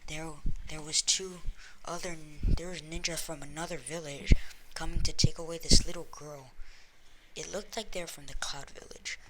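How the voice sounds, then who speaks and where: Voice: medium pitch, noisy background, lightly acted. A speaker voicing a brash young boy ninja in a fan story, blunt and eager.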